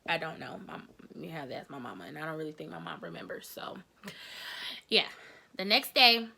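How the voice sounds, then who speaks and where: A young adult woman chatting casually in a storytime vlog, telling a story in a lively, slangy way. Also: low-pitched, a little fast, gravelly, breathy edge. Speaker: vlogger.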